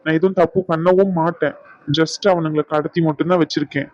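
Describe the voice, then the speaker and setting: A man's voice: a little high, fairly even intonation, fairly quick, a little mellow, no room sound, muffled recording, natural voice. A man voicing a stubborn, vengeful young doctor in a cartoon, speaking in a defiant, insistent way. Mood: pleading. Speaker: voice actor. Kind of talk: cartoon dub acting.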